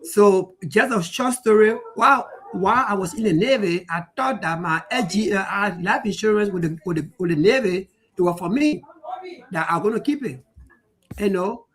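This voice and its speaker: A man in his forties answering interview questions in an earnest, measured way. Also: high voice, lively intonation, a bit bright. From Liberia. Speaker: guest financial educator.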